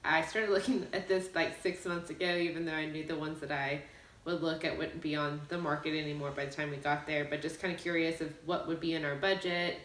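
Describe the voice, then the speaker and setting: A woman's voice: low voice, steady tone, brisk, fairly bright tone. A woman co-hosting a casual video blog, chatting in an echoey room at some distance from the microphone. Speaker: co-host of a couple's video blog. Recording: echoey room, distant mic, faint noise.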